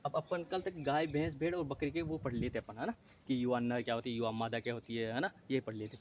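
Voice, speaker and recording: A man's voice: mid-range voice, steady tone, quick pace, darkish tone, a little hiss or hum. A male teacher running an exam-prep lesson, repeating terms, asking and answering his own questions, often correcting himself.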